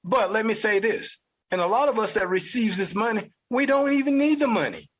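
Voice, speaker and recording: A man's voice: high-pitched, brisk, breathy edge. A man with a Southern US accent hosting an opinion podcast, talking in a blunt, profane, ranting way. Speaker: podcast host. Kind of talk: opinion commentary.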